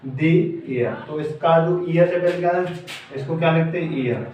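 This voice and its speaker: A man's voice: on the high side, a little fast, lo-fi sound, a little hiss or hum. Echoey, distant male pronunciation teacher. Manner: repeats questions and answers them drill-style. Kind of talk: online classroom lesson. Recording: echoey room, mic at a distance.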